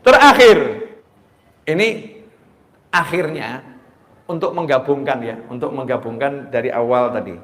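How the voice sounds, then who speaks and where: A man preaching a sermon, switching between loud calls and hushed asides. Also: medium pitch, normal speed, long pauses, echoey room. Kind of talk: Islamic sermon.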